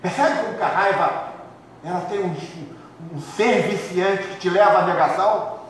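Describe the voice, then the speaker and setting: Male pastor delivering a lively sermon in a church hall; long reverb, faint background noise. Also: high-pitched, moderate pace. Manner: lively preaching, acts out congregants' complaints. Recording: echoey hall, far from mic, faint noise.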